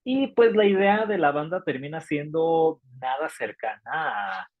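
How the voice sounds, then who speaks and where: A man's voice: a little high, animated, a little slow, dry recording, narrow, tinny audio. A man with a Mexican accent, reviewing an album in a casual panel chat, rambling with many fillers. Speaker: music reviewer.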